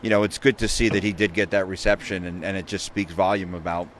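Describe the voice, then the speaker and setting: A man in his thirties with a low voice talks earnestly, circling back over his words as he reflects. He is recorded close by a phone in a big empty arena. A faint hum sits behind him. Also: level tone, quick pace. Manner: reflective, earnest, many repeats. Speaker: sports radio reporter guest. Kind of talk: casual post-game chat. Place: inside an empty hockey arena, rinkside.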